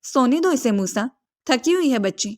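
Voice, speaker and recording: A woman voicing an affectionate, protective grandmother in her seventies in a read-aloud romance story, speaking softly and slowly. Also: sits high, expressive. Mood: fond.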